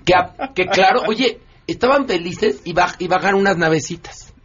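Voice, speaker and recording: A man's voice: high-pitched, moderate pace, slight background noise. A man with a Mexican accent, joking and retelling a film plot in a casual radio chat. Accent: Mexican Spanish. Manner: animated storyteller, joking. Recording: dull lo-fi radio audio.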